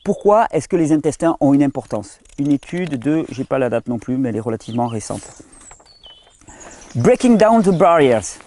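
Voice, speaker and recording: A French-speaking man hosting a health channel, explaining at length in a casual tone to the viewer, with frequent restarts and study titles read in halting English. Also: mid-range voice, dark tone. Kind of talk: explanatory monologue.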